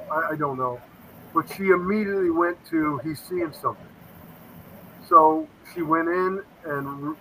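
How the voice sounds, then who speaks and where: A paranormal investigator in his fifties, guesting on a casual interview, tells earnest, rambling stories and often quotes himself. His fairly high voice sounds pushed and bright, and the low-quality recording carries slight background noise.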